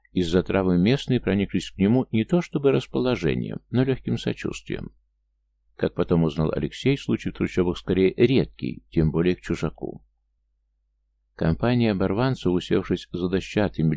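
A man reading an audiobook aloud as narrator, in a steady storytelling manner. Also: sits low, vocal fry.

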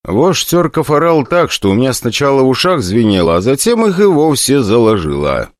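A man giving an expressive, first-person narration of a fantasy audiobook. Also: medium pitch, moderate pace, no room sound, studio quality.

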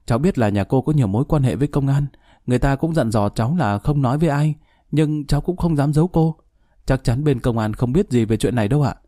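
Anxious pleading young woman done by a man reading a story, mellow soft voice, dry close sound. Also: mid-range voice, lively intonation, quick pace, no echo, close to an everyday voice. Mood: persuasive. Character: young woman, scheming then tearful and remorseful.

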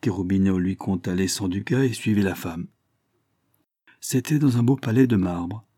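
A man reading a classic story aloud as an audiobook narrator, in a measured, even manner. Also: sits low, no room sound, studio quality. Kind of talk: scripted narration.

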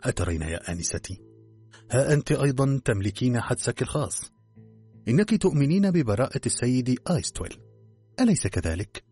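A man doing a calm, shrewd detective. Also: mid-range voice, slightly rough, soft background music. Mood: reflective. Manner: slow and reflective.

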